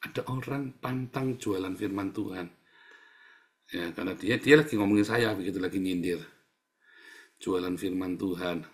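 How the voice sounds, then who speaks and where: A man's voice: low-pitched, moderate pace, long pauses. A middle-aged male pastor preaching a sermon in a blunt, scolding, mocking way, acting out the people he quotes and laughing between points. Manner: acts out quoted people in shifted voices.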